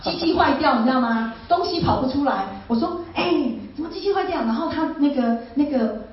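A woman's voice: sits high, expressive, a little fast. A woman gives an emotional personal testimony, repeating phrases and asking her listeners rhetorical questions. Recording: very echoey, distant, slightly dull sound.

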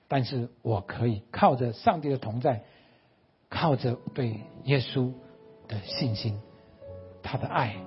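A man pastor, preaching a sermon in a church and telling stories in an animated way. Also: medium pitch, highs cut off. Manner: animated storytelling, acting out quoted lines.

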